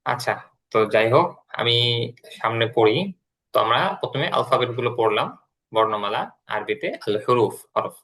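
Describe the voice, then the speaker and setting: Bright-voiced male online English teacher. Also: mid-range voice, fairly even intonation, low-quality recording. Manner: slow, repeats words while explaining. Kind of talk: online class explanation.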